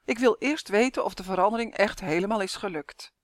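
A woman's voice: mid-range voice, fairly quick, no echo, studio quality, lightly acted. A woman voicing a scheming male professor who coaxes and trembles with fear in a children's story. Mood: coaxing. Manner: coaxing, anxious.

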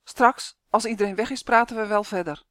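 A woman's voice: mid-range voice, brisk, a bit bright, dry recording, clean studio sound, natural voice. A woman voicing a scheming male professor who coaxes and trembles with fear in a children's story. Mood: coaxing. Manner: coaxing, anxious.

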